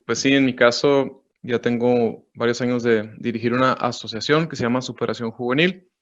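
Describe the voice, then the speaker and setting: A man from Monterrey, introducing himself in a measured, formal way over a video call. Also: mid-range voice, steady tone, no echo. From Monterrey, Mexico. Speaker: director of a youth association. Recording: dull, dry video-call audio.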